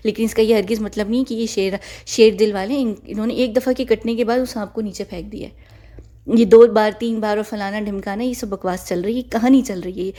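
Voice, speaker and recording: A woman's voice: mid-range voice, dark tone. A woman, giving casual, mocking commentary on a clip and lecturing her viewers.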